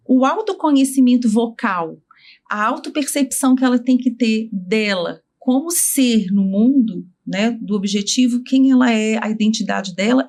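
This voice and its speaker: A woman speech therapist being interviewed, earnestly explaining her work with examples and quoted dialogue. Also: on the high side.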